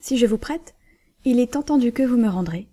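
A woman reading the part of a cool, dignified banker's wife who schemes calmly. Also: fairly high pitch, normal speed. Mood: composed.

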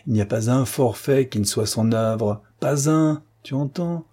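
A man voicing a forceful, commanding gentleman adventurer in an audiobook, speaking insistently and emphatically. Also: mid-range voice, slightly rough, pitched above the performer's own voice, natural voice. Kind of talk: audiobook character reading.

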